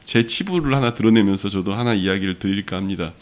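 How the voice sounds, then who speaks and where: Speaking fast in a fairly low voice, a middle-aged man from South Korea's Jeolla region preaches as a pastor. His sermon centers on a personal story and earnest rhetorical questions aimed at the congregation.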